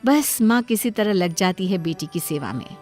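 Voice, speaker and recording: A woman's voice: lowish voice, expressive, moderate pace, darkish tone, faint music behind. A woman narrating a moral story for a cartoon in a plain storytelling manner.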